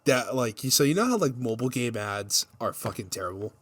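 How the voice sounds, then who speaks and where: A man's voice: mid-range voice, a little fast, no echo. Young man, podcast co-host, swearing, rambling, dry sound. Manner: profane, rambling, animated rant. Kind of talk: casual chat.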